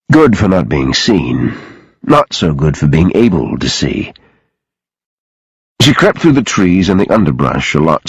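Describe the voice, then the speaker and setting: A man narrating an audiobook in an expressive, dramatic reading style on a close studio mic. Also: sits low, slightly rough, no echo, lo-fi sound.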